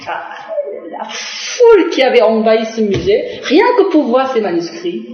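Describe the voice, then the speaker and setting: A middle-aged woman from Korea, working as a diplomat, responds to a TV interviewer in a slightly high and very animated voice. Her speech is hesitant, broken by pauses, "euh" fillers and restarts, and it sounds roomy and muffled like an old lo-fi broadcast.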